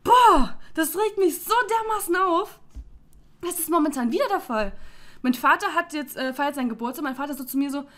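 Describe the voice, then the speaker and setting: High-voiced young woman ranting. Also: a little fast, fairly bright tone. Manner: heated, exasperated ranting; talks directly to viewers. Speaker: YouTuber. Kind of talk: casual vlog rant.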